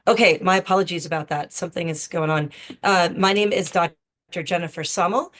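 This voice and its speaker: Lower-voiced woman, halting and apologetic, on a video call that keeps cutting out. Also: steady tone, fairly bright tone. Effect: choppy video-call audio cutting out. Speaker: exposure and risk assessment scientist on a panel. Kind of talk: introducing herself on a video call.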